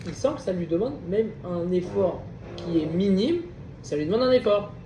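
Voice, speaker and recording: Leading a Torah study class in an echoey room, a high-voiced man reads a passage in Hebrew and unpacks it in French, expressive and at normal speed, repeatedly asking listeners whether they follow. He's some way from the mic, with a faint hum behind him.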